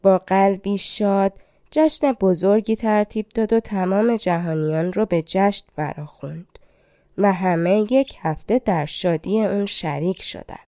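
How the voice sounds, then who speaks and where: A woman narrating a fairy-tale audiobook in an even, measured reading. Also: mid-range voice, dry recording, studio quality. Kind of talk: storybook narration.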